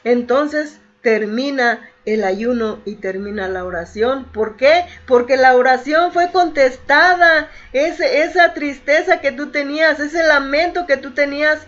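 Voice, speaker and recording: A woman from Mexico preaches to a women's study group with a high voice. She speaks slowly and earnestly, repeating phrases and answering her own questions. The sound is dull and lo-fi, like a live audio stream. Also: fairly bright tone. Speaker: pastor's wife leading a women's Bible study. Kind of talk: sermon.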